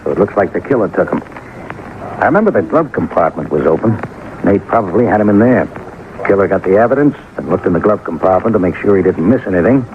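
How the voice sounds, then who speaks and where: An American man plays a shrewd, persistent police sergeant in an old-time radio detective drama, speaking tersely and businesslike with an intent mood. His low voice is expressive and quick, heard through a tinny, noisy old radio recording.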